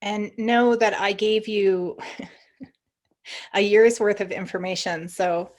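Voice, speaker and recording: Speaking in a medium pitch with a steady tone, a female teacher leads a guided meditation. She offers soft, supportive directions and leaves pauses as she goes.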